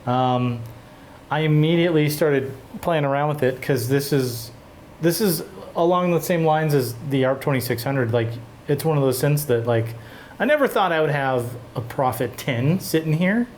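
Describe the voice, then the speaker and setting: A man hosting a casual chat about synthesizers, relaxed and rambling with fillers and restarts. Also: fairly high pitch, normal speed, a little hiss or hum. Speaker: host of a synthesizer show.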